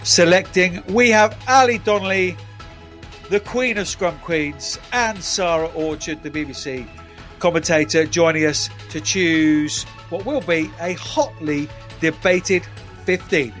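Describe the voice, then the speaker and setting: A man's voice: fairly high pitch, a little slow, a bit bright, faint music behind. A man hosting a sports podcast in a casual, jokey presenting style. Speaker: podcast host.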